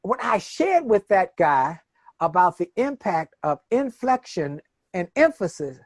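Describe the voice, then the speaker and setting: A middle-aged man tells stories in a rolling, preacher-like cadence, leaning hard on stressed words and repeating key phrases. His voice sits a little high for a man. The sound is close and dry. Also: sing-song, unhurried, no echo. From Washington, D.C. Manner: emphatic, preacher-like cadence with dramatic stresses and repetition. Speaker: motivational speaker, interview guest. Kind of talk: conversational interview storytelling.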